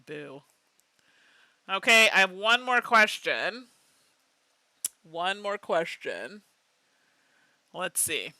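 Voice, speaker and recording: A woman streaming a mystery game live, chatting with her viewers and laughing often in an animated way. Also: medium pitch, extremely slow, long pauses, no echo. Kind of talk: live game playthrough chat.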